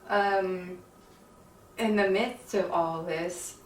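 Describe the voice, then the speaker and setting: A woman chatting casually to her viewers in a weary, folksy, rambling way, her speech softened by missing teeth, lips over gums. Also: fairly low pitch, unhurried. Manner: chatty, weary, folksy slang, frequent laughs. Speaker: video creator with own channel. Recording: roomy, distant mic, faint noise.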